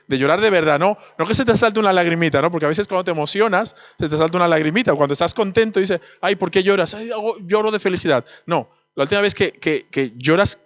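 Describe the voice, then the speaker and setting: Male preacher, fairly high voice, chatty sermon delivery, slightly dull recording. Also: no echo. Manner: conversational, asks the congregation questions. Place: church.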